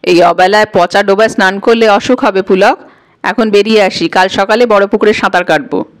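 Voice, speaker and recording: A woman's voice: mid-range voice, a little fast, lightly acted. A woman voicing a stern, irritable young city man who speaks in a curt, scolding way.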